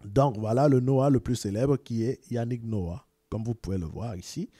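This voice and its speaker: Mellow-voiced Cameroonian man explaining. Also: mid-range voice, moderate pace, no room sound, clean studio sound. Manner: repeats words, sends greetings to viewers. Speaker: video presenter. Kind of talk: casual explanatory talk.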